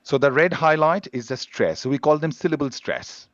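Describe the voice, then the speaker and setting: A man's voice: fairly high pitch, lively intonation, normal speed, fairly bright tone, highs cut off. A man teaching an English pronunciation class on a video call, explaining patiently with examples.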